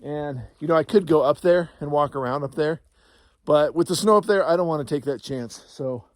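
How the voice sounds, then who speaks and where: A middle-aged man vlogs in a relaxed, chatty way while standing out in the snow by his trailer. His voice sits a little higher than most men's, and he's a bit out of breath from the cold, with a dog close by. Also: normal speed, no echo. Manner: chatty, talks to his dog between remarks. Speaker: RV vlogger. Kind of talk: casual vlog chat to camera. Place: outdoors in snowy mountains beside a travel trailer. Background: dog nearby.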